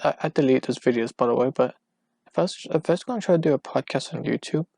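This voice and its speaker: A man talks through a late-night solo podcast, wandering from thought to thought with constant restarts and fillers. His voice is gravelly and a little breathless. He records at home on a cheap mic, and the sound is close and dry. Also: medium pitch, quick pace, a little mellow, dry recording. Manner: meandering, hesitant, full of restarts and fillers. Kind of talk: rambling casual monologue. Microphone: cheap home microphone.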